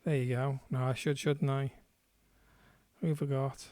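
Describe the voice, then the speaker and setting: Over loud music, a DJ and livestream host chats between tracks in a laid-back way, chuckling and tossing in the occasional swear. His mid-range voice is level and measured, recorded dry with clean studio sound.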